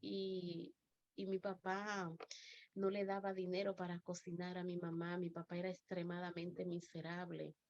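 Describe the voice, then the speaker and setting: A woman's voice: on the low side, monotone, darkish tone. Dominican lady pastor telling her life story, stops and restarts a lot, kinda dull lo-fi sound. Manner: halting storytelling with many restarts. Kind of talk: personal testimony. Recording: dull lo-fi recording.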